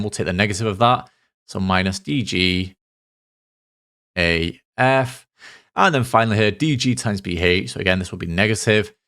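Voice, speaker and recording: A man, a maths tutor talking through a worked solution step by step, a little hoarse from losing his voice. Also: fairly low pitch, fairly bright tone. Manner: methodical, talks through steps aloud.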